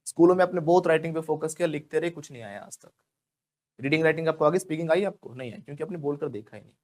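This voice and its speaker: A native Hindi speaker with an Indian accent teaches spoken English in a classroom, his voice slightly high, dark in tone, and rapid-fire. He drills pronunciation through repetition, saying words again and again and often asking the class to repeat after him.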